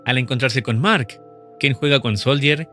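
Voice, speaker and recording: Over faint background music, a medium-pitched man delivers a steady, measured scripted voice-over explaining the plot of a horror video series.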